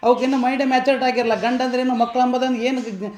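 An actor playing a kind village uncle who firmly scolds the family, with a North Karnataka accent. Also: male voice, sits high, expressive, quick pace, slight background noise. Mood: scolding. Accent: North Karnataka Kannada. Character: kind village uncle defending his niece.

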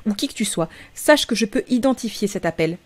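A woman's voice: mid-range voice, lively intonation, a little fast, close to an everyday voice. A woman voicing an adult female emergency operator, patient and slightly amused. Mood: calm amused.

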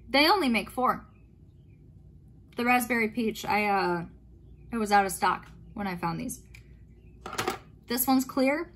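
Woman rambling thru her skincare routine on camera, soft-spoken, lots of likes and ums, bit of faint hiss behind. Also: medium pitch. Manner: chatty, meandering, with little fillers and self-corrections. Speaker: skincare vlogger. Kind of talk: casual talk-through while doing skincare.

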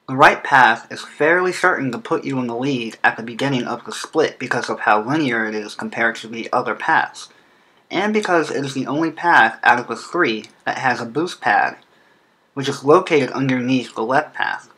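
A man's voice: mid-range voice, normal speed, sharp tone, rough recording. A man with a lisp from an underbite, narrating a scripted explainer as a video creator. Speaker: video creator presenting a fan game track design.

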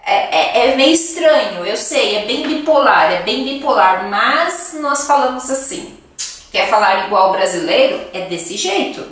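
A woman with a Brazilian accent teaches a casual language lesson, acting out everyday phrases with lots of laughs. She talks slowly in a slightly high voice. The recording is very echoey, picked up from a distance with faint background noise. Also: expressive, a bit bright. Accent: Brazilian Portuguese. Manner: chatty, laughs often, acts out example phrases. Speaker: Portuguese teacher.

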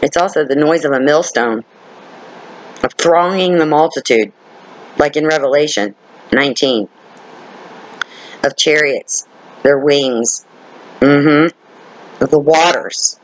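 A man with a somewhat high voice leads an informal Bible study. He reads scripture aloud and then explains it piece by piece. He repeats key words for emphasis and keeps checking in with his listeners. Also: slow, long pauses, rough recording. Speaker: Bible teacher.

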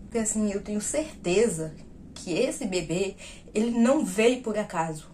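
A woman vlogger talks casually to her viewers in a voice of middling pitch, neither high nor low. She tells a personal story and acts out each exchange she retells. The tone is informal and conversational throughout. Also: lively intonation, normal speed, dark tone, slight background noise. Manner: talks straight to viewers as "gente". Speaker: vlogger sharing personal news.

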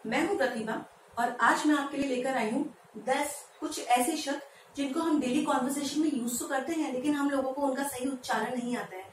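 A woman teaching English pronunciation in Hindi, who asks her viewers questions and spells words out slowly, syllable by syllable. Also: high voice. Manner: lively, asks viewers questions and answers them. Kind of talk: Hindi-language pronunciation lesson. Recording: echoey room, voice from a distance, faint background noise.

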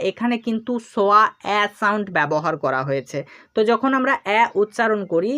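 A woman gives a patient phonics lesson for young children. She pauses on example sounds and repeats them one by one, at an everyday middle pitch. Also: a bit bright. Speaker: English teacher. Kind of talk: instructional explanation to children.

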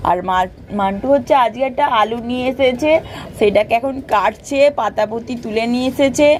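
A young mother with a slightly high voice narrates a casual family vlog to her viewers. She talks in a chatty, easygoing way, turning now and then to coax her little daughter. She is recorded outdoors on a rooftop in light rain with a handheld phone. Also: normal speed, a little hiss or hum. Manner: chatty, talking to viewers while coaxing her small daughter.

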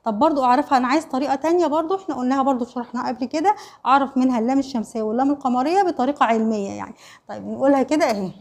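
Fast, high-voiced Egyptian woman teacher. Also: a little mellow. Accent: Egyptian Arabic. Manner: quizzing pupils with rhetorical questions, answering herself; repeats "خلاص؟" and "ماشي؟" to check understanding. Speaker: primary school Arabic teacher. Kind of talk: online classroom lesson.

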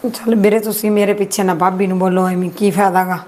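An actress playing a gentle married sister who plays down how badly she was treated. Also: medium pitch, little pitch movement, quick pace, a little hiss or hum, natural voice. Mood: pleading. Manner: soft, self-effacing, polite. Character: meek young married sister, tearful and gentle. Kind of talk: amateur short-film acting.

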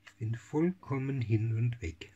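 A middle-aged man, a cat breeder talking in a casual home vlog, cooing softly in baby talk and often slipping into whispers. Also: medium pitch, measured pace, breathy edge, lo-fi sound. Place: home room with kittens.

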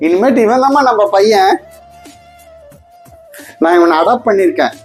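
A man's voice: high-pitched, lively intonation, normal speed, faint music behind. A man playing a son and husband in a family comedy skit, teasing and pleading by turns.

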